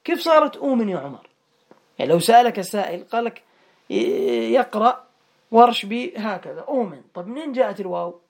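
A man's voice: high-pitched, animated, fast, vocal fry. A man teaching an Arabic grammar lesson online, quizzing students by name and repeating words for them.

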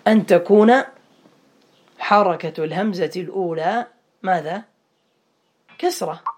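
A man's voice: high-pitched, unhurried. A man teaching an Arabic grammar lesson online, quizzing students by name and repeating words for them.

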